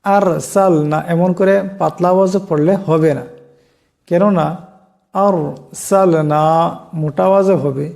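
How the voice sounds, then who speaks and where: A man teaching Quran reading in Bengali, explaining slowly and deliberately, stretching out each example word. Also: high voice, creaky, mellow. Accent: Bangladeshi Bengali. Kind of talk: Quran recitation lesson.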